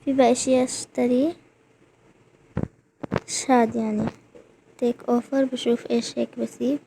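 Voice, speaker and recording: A young woman chatters through a game, her voice high and bright. She gets carried away, repeating words over and over in excitement. A faint hiss sits under the recording. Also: normal speed, creaky. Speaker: gaming vlogger. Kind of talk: excited gameplay commentary.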